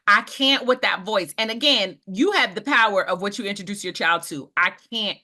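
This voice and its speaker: A young adult woman co-hosting a podcast in casual chat, animated and emphatic with playful asides. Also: medium pitch, normal speed. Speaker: podcast co-host.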